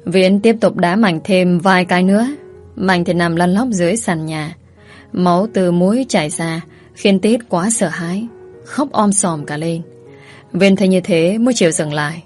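A woman's voice: lowish voice, normal speed, darkish tone. A woman telling a first-person story in a dramatic, emotional way. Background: faint music.

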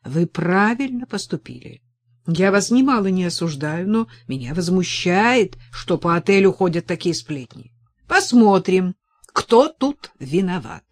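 A woman's voice: lowish voice, animated, unhurried, no room sound. Woman reading as an indignant senator. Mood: calm, kindly. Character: male senator, middle-aged, indignant yet kindly.

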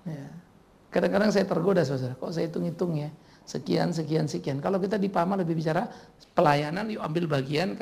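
A man preaching as a pastor, delivering a humorous sermon in a lively joking manner that often breaks into laughter. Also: fairly high pitch, creaky. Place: church.

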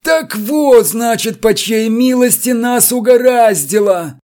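A man's voice: high-pitched, animated, measured pace, soft background music, voice pushed up. A man voicing a hungover, menacing male electrician who bellows threats. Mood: furious.

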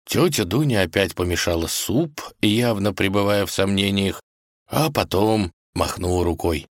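A man reading a fairy tale aloud in an expressive storybook manner. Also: sits low, moderate pace, dry recording, studio quality. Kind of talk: storybook narration.

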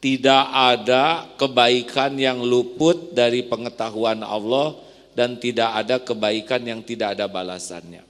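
A man preaching an emotive sermon, dropping to a hush and then rising to loud questions. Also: medium pitch, steady tone, unhurried. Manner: emotive, swinging from soft to loud. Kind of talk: sermon to women. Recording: long hall reverb.

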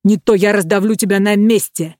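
A reader voicing a smug, menacing giant sorcerer in a storybook reading, shouting and threatening at times, soft and coaxing at others. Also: medium pitch, fairly even intonation, brisk, dry recording, clean studio sound, lightly acted. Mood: furious. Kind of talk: storybook character voice.

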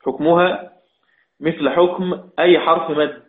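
A man's voice: a little high, fairly even intonation, unhurried. A man teaching a religious lesson, asking questions aloud and repeating each point for emphasis. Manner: asks questions then answers them. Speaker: Quran recitation teacher. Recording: echoey tinny phone-like sound.

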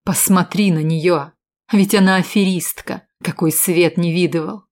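A cruel male villain sneers and hisses his threats in a storybook reading. A woman plays him, keeping her voice low. He sounds cold and scornful. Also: steady tone, measured pace, a little mellow, natural voice. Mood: sneering. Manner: sneering, hissing. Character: cruel mocking man, menacing villain.

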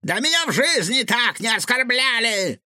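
A man voicing an excitable bearded male cook who blurts out indignant outbursts. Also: on the high side, normal speed, breathy edge, no echo, studio quality, heavily acted.

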